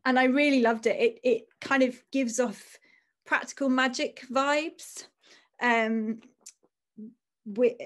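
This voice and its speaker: A woman's voice: high-pitched, steady tone, slow, long pauses. A woman in her forties, an author, chatting casually and self-deprecatingly on a video call from a room at home.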